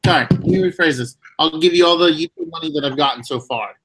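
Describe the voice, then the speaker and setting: Casual male stream host, slightly high voice, halting and easygoing. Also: a bit bright, slightly rough, dry recording. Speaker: vlogger hosting a live stream. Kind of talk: casual chat.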